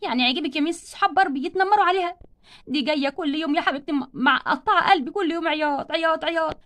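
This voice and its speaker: A woman with an Egyptian accent voicing a protective mother who gently coaxes her daughter in a doll play story. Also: high voice, racing, no room sound. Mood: upset. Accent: Egyptian Arabic. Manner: coaxing, gentle. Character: worried caring mother, protective.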